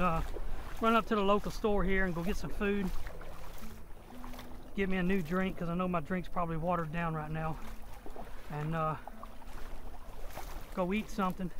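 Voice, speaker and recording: Speaking through a camera mic strapped to his body, a man with a fairly high, somewhat bright voice vlogs about fishing from a riverbank. His casual first-person explanation wanders, restarts often and is full of fillers, against faint outdoor sounds.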